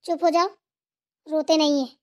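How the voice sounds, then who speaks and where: A woman voicing a gentle young wife who consoles and rambles about her complaints, in a cartoon. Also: sits high, steady tone, moderate pace, pitched below the performer's own voice, close to an everyday voice. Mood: consoling. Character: gentle young wife, bhabhi, soothing and chatty. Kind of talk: cartoon voice acting.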